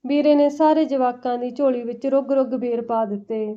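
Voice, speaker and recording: A woman narrating a family story in a steady, plain telling. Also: fairly high pitch, brisk. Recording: dull lo-fi recording.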